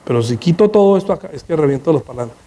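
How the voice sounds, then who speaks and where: A man preaching a sermon in church on a headset mic, animated, acting out scenes and firing rhetorical questions. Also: a little high, fast talker.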